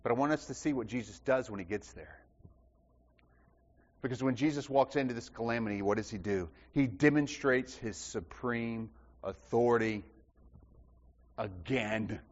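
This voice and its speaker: A man preaching a sermon as pastor, impassioned and rhetorical, repeating phrases and dropping from loud declarations to hushed lines. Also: mid-range voice, normal speed, long pauses. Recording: dull sound with long church reverb.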